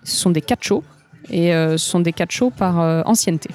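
Hesitant French woman with a dark voice. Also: fairly low pitch, normal speed, soft background music. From France. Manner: long explanations with frequent hesitations. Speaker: interview guest. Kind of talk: conversational interview.

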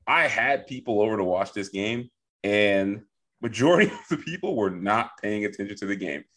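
A man's voice: fairly low pitch, lively intonation, normal speed, a bit bright. A man hosting a sports podcast, moving the segments along in a playful, teasing way. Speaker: podcast host. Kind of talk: casual sports chat.

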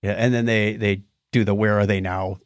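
In casual podcast talk about TV shows, a male co-host retells things conversationally, slipping in quoted asides. His voice is lowish with little pitch movement and a moderate pace. The sound is dry and clean, studio-grade.

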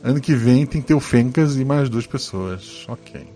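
A podcast host with a Brazilian Portuguese accent reads listener comments, casually joking and swearing, while faint music plays behind him. His medium-pitched voice is expressive and warm, at a moderate pace.

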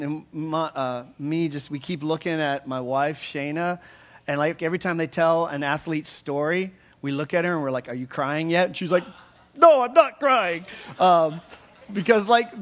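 Chatty pastor guy, 30s, kinda high voice, loose friendly sermon with lots of ums. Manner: chatty and upbeat, many fillers and restarts. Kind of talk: casual sermon.

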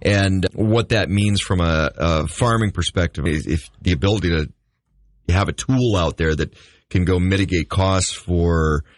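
A man's voice: deep voice, a little slow, dry recording. A married man, hosting a radio talk show and joking and rambling as he goes. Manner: joking, rambling, trails off mid-sentence. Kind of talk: casual on-air chat.

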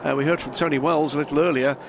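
A man's voice: fairly high pitch, fairly even intonation, very fast. A man giving live race analysis as a motorsport commentator. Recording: clear trackside engine and vehicle noise. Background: car engines and outdoor track ambience.

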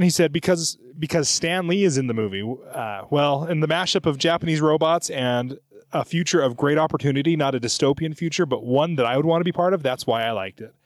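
A middle-aged man hosts a podcast in a fairly high voice, recorded at studio quality with no echo. He chats casually and reads listener comments aloud, rambling and correcting himself as he goes.

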